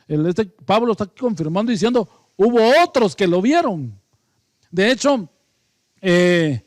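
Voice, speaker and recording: A man with a Guatemalan accent leads a Bible study in a fairly high voice. He moves between reading scripture aloud and explaining it in a relaxed, conversational way, often pausing on fillers and correcting himself. The recording is dry and close, with no echo. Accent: Guatemalan Spanish. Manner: hesitant, with frequent fillers and self-corrections.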